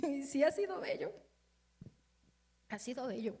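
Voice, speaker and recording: Woman preacher, high voice, slow fervent delivery in an echoey church hall; big swings in volume. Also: very animated. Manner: fervent, dramatic shifts in loudness. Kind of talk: emotional Easter sermon.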